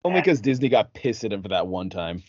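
Lively-pitched man chiming in. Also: highs cut off, a little hiss or hum. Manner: chimes in with quick comments. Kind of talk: casual chat.

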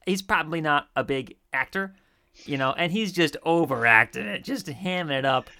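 Bright-voiced man chatting casually. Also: a little high, moderate pace, vocal fry. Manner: animated, laughing, acts out quoted lines. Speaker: podcast co-host. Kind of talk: casual chat.

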